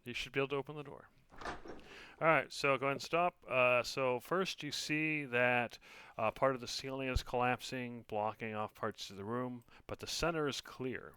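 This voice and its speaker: Male game master, bright and clear, dry close sound, descriptive tabletop narration. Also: mid-range voice, steady tone, normal speed, no echo.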